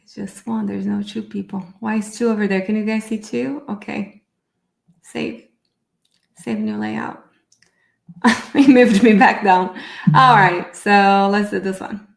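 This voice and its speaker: A woman's voice: medium pitch, steady tone, measured pace, vocal fry, pauses often, reverberant. A woman raised in Brazil, hosting a live online session as a therapist, chatty and upbeat while she sets up her screen. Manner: chatty and upbeat, thinking aloud while fixing screen sharing. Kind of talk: casual live-stream presentation.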